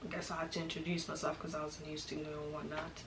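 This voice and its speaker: A young Kenyan vlogger shares a personal story in a relaxed, chatty storytime, talking fast and laughing often, her voice sitting a little low. The room echoes, with steady background noise behind her.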